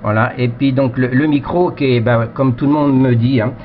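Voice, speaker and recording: Over a dull, noisy radio transmission, a man from France talks at a moderate pace in a steady mid-range voice. He's a ham radio operator using a cheap headset mic, rambling through unscripted casual chat packed with verbal tags.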